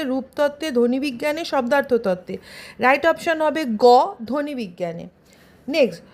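High-voiced woman teacher from West Bengal. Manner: reads questions and options, then states the answer. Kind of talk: exam revision lesson.

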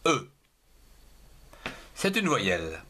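A man giving a slow handwriting lesson for young children, spelling words letter by letter and syllable by syllable. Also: medium pitch, huge pitch swings, bright, forceful tone. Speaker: teacher.

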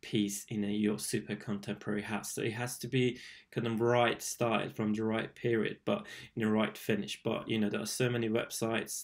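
A man's voice: lowish voice, creaky. A young man, an interior designer, giving rambling, enthusiastic reaction commentary on a home tour from a small room. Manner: rambling, enthusiastic, many fillers and restarts.

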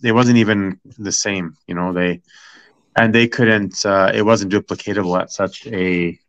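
A man's voice: lowish voice, fairly even intonation, measured pace. A middle-aged man talking casually as an interview guest about his family's restaurant, rambling with many fillers and restarts. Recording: dull lo-fi sound.

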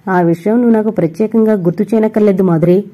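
A woman's voice: mid-range voice, fairly even intonation, fast, warm tone, lightly acted. A woman voicing a commanding, smug wealthy male boss in a storybook reading, speaking in a teasing, bossy way.

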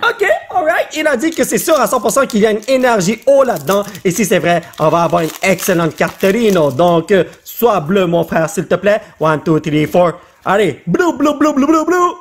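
A man with a Quebec French accent, a father, joking and getting excited in casual commentary as he opens card packs on his channel. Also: sits high, normal speed, hardly any pauses, slight background noise. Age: adult father. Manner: excitable, jokey, drops English slang. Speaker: YouTuber opening card packs. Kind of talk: casual pack-opening commentary.

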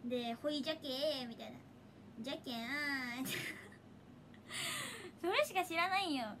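A young idol livestreamer from Hiroshima, Japan, chats casually with a Hiroshima accent, reading viewer comments and laughing often. Her voice sits high with lively intonation and an unhurried pace, over a noisy background.

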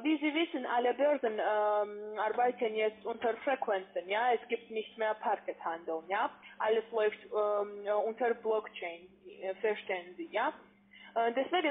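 A call-centre worker pretending to be a financial adviser makes a sales pitch by phone, the line thin and narrow-band. She speaks German as a second language with a foreign accent, hesitating and frequently adding questioning checks.

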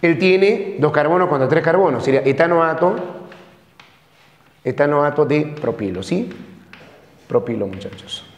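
A man's voice: fairly high pitch, animated, unhurried, pauses often. A man with a somewhat raised voice teaches a chemistry lesson in a classroom that rings with long reverb. He speaks to the students the whole time, repeating each term and checking with short questions that they follow. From Peru. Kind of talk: classroom lecture.

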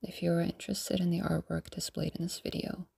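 A woman's voice: fairly low pitch, flat delivery, fairly quick, gravelly, a little mellow, husky, dry recording. A woman reading a short story aloud, often slipping into an unvoiced whisper. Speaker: narrator. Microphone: home voice-over recording.

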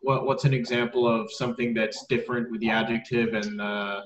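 A man's voice: mid-range voice, flat delivery, fast talker, reverberant, dull audio, slight background noise. A man from the United States with an American accent, chatting casually and repeating words as he explains. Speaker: English teacher as podcast co-host. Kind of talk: casual chat.

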